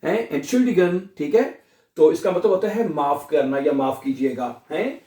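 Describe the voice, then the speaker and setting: Male language teacher, high-pitched, drills words slowly; roomy echo, mic set back. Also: dark tone. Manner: drills words slowly, syllable by syllable, with many repetitions. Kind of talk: pronunciation lesson. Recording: echoey room, mic at a distance.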